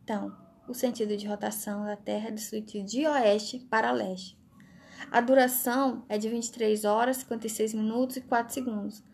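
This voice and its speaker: A woman's voice: on the high side, steady tone, a little fast, vocal fry, a little mellow, slightly rough. A woman with a Brazilian Portuguese accent, reading her study summaries aloud as word lists and short definitions, one item at a time. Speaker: student reading study notes.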